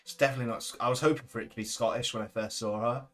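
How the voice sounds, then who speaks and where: A man's voice: mid-range voice, steady tone, very fast, fairly bright tone. A young British man chatting casually while streaming a game, rambling and correcting himself, with swearing. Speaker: gaming streamer. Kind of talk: casual live-stream chat.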